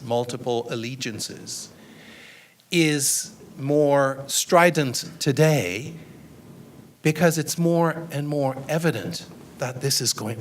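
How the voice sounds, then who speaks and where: A man's voice: medium pitch, fairly bright tone, a little hiss or hum. Man lecturing, thoughtful and hesitant. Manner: thoughtful, hesitant with fillers and restarts. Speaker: guest lecturer. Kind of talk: lecture Q&A answer. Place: lecture room.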